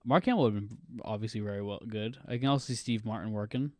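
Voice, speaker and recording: A man's voice: fairly low pitch, fast, a little mellow, no echo, clean studio sound. A man hosting a podcast in casual chat, rambling through lists of names with many fillers. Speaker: podcast host.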